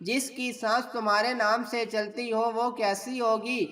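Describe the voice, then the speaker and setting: A woman's voice: a little high, flat delivery, a bit bright, lightly acted. Sulky lovesick young woman, as a woman narrator reads her. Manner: pouting, emotional. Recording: distant mic.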